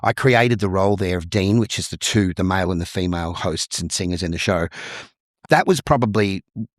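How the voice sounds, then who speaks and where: A man's voice: low-pitched, brisk, dry recording, studio quality. A man with an Australian accent, a musical theatre performer and vocal coach, telling anecdotes in a casual interview with frequent restarts and repeated words.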